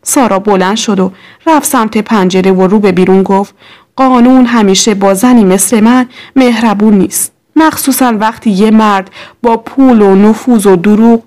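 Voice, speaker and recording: A woman telling a dramatic first-person story as scripted narration in a measured way. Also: mid-range voice, a little mellow.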